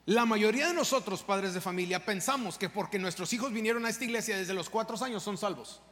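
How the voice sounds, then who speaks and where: In a church sanctuary, a pastor addresses his flock directly with fervent preaching, his high-pitched voice fast and a bit bright. Long reverberation from the large hall and faint background noise are audible.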